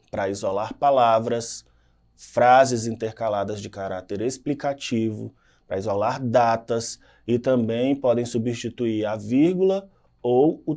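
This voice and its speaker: Man, Brazilian Portuguese accent, teacher, recorded lesson, warm mellow voice, explanatory. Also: medium pitch. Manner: explanatory, frequent "tá?" and "né?" tags.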